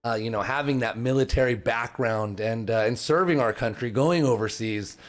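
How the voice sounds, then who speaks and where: A man casting a school esports match live, shouting the plays and then talking emotionally about his players. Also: medium pitch, normal speed. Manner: excited shouting play-by-play; emotional, rambling heartfelt talk. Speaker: esports caster. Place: lobby, alone.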